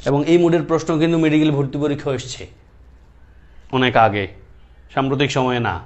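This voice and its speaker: A man's voice: mid-range voice, steady tone, fairly quick. A young man teaching an exam-prep class, asking questions and repeating each answer so students memorize it. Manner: drills students, repeating each answer and calling them brother. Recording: dull lo-fi recording.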